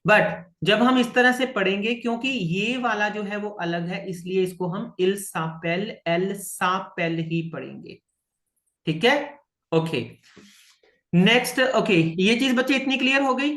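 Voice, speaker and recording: Patient, slow-talking male language teacher. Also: high-pitched, fairly bright tone, roomy sound. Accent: Indian. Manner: patient, repeats and checks understanding. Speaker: French teacher. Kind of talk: online French lesson.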